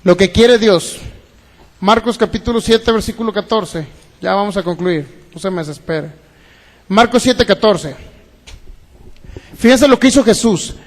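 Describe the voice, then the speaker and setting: A man preaching from the pulpit in a strikingly high voice. He keeps turning to the congregation with rhetorical questions, and his words ring on in a long hall reverb. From Mexico. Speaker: pastor. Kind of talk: sermon. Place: church hall.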